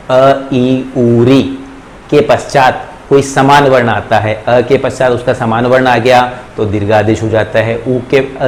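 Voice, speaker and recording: A man teaching Sanskrit grammar in a classroom-style lecture, with a Rajasthani Hindi accent, drawing out each example slowly and repeating it. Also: medium pitch, slight background noise, rough recording.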